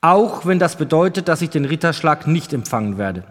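A man's voice: a little high, expressive, normal speed. A man reading the part of a timid young squire who stammers and hesitates. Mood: resolute. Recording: long reverb.

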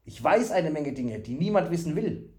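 A man's voice: a little high, sing-song, moderate pace, a little mellow, roomy sound, pitched above the performer's own voice. A man voicing a simple-minded, childlike male fool from the forest, eager and full of repeated questions. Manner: eager, questioning, singsong repetitions.

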